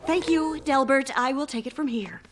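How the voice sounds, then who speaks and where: A firm, practical mother from an animated film, played by a woman. Her voice is high-pitched and rings with long reverb. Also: moderate pace, crowd noise, lightly acted.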